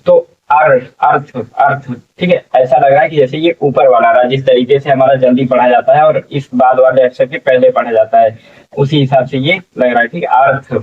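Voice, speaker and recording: A man's voice: mid-range voice, far from the mic. A man teaching English reading in Hindi, spelling words letter by letter and repeating them as he asks the class what they become. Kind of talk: slow spelling lesson. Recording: tinny phone-like sound from off mic.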